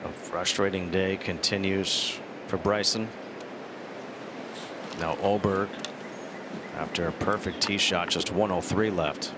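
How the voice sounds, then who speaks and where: A man's voice: low-pitched, steady tone, slow, long pauses. A man leading live golf commentary, concisely announcing players and scores. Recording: outdoor broadcast with clear background noise.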